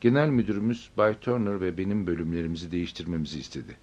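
A man's voice: low-pitched, rapid-fire, darkish tone, lo-fi sound. A man voicing a stern bank inspector who speaks curtly and coldly. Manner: curt, cold and firm. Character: cold, stern male bank inspector, businesslike.

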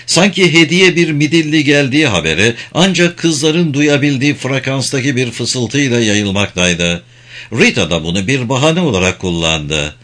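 A man's voice: medium pitch, animated, normal speed, a bit bright. A man reading a novel aloud as narrator, voicing all the dialogue himself. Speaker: audiobook narrator. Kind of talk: scripted narration.

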